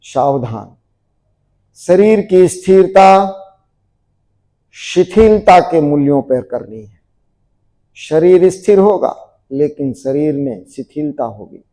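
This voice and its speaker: A yoga nidra teacher guides a group through relaxation, speaking very slowly with measured instructions and repeated key phrases. His mellow voice is slightly higher than average and has lively intonation.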